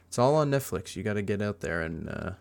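Slightly low-voiced rambling podcast man. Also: very animated, fast talker, vocal fry, darkish tone. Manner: rambling, enthusiastic, many fillers. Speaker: podcast co-host. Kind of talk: casual chat.

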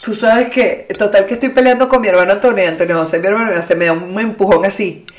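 A woman with a Venezuelan accent, co-hosting a podcast and telling stories in a casual, expressive way, with spoken sound effects. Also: mid-range voice, quick pace. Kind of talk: casual chat, storytelling.

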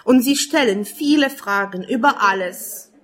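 A woman's voice: fairly high pitch, fairly bright tone. Woman reading spoken-word poetry. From Romania. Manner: measured, earnest, second-person address.

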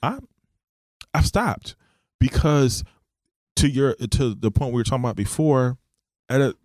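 A man's voice: medium pitch, unhurried, a little mellow, no echo. A man hosting a casual, reflective conversation, often repeating phrases for emphasis. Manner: repeats points for emphasis, agreeing readily. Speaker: podcast host.

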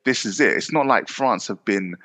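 A man's voice: on the low side, lively intonation, normal speed, fairly bright tone, big-room sound. A man co-hosting a podcast, chatting about football in a rambling way full of fillers. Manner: rambling, filler-heavy, laughs often. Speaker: podcast co-host. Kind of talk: casual football chat.

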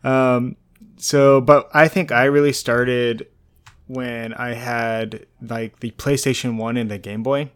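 A man's voice: medium pitch, steady tone, slow, clear, resonant tone. A man co-hosting a casual gaming podcast, laid-back and rambling, often laughing. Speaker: podcast co-host.

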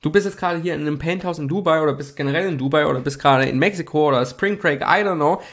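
A young man hosts a self-help video, explaining casually with slang and lots of fillers while he draws slides. He talks fast, in a voice on the high side and a bit bright.

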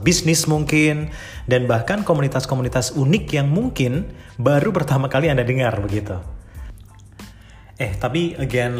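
Chatty male podcast host. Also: mid-range voice. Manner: chatty, upbeat, addresses listeners directly. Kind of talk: casual podcast talk.

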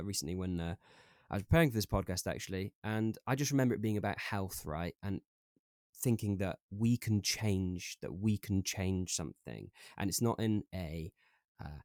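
A young man with a Welsh accent and a lowish voice talks openly about his own life on a podcast. He speaks reflectively, dotted with "like" fillers and stumbling restarts. The sound is dry and close. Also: no room sound. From Wales. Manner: reflective and open, many "like" fillers, halting restarts. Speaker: podcast guest. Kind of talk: candid conversational storytelling.

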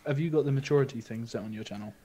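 A British man hosting a casual podcast, speaking in a measured way. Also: medium pitch, dark tone, slight background noise, low-quality recording. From Britain. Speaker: podcast host.

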